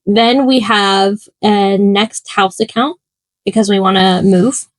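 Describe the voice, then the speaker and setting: A young woman co-hosting a podcast, chatting casually in an animated, teasing way and laughing often. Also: medium pitch, slow pace, dry recording, poor audio. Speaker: podcast co-host. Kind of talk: casual chat.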